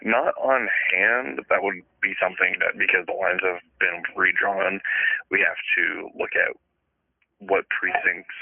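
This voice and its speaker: Brief: low, gravelly clerk on the phone, short matter-of-fact answers, tinny line. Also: male voice, fairly even intonation, a little slow, no room sound. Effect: heard over a phone line. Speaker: election office clerk. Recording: tinny dry phone call recording.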